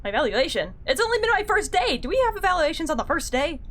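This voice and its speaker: A woman's voice: very high-pitched, sing-song, fast, fairly bright tone, pitched above the performer's own voice, exaggerated voice. A woman voicing a nervous young man on his first day at an office job in a game, asking anxious, flustered questions.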